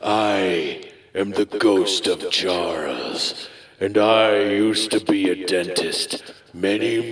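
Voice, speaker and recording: A haunting old-time dentist ghost, as a man voices him drifts in with a ghostly echo and a slow, dragging delivery. He is low-pitched and sounds distant in a roomy space. It is improvised comedy podcast spookiness. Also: a bit bright. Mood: spooky. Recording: echoey room, voice far from mic.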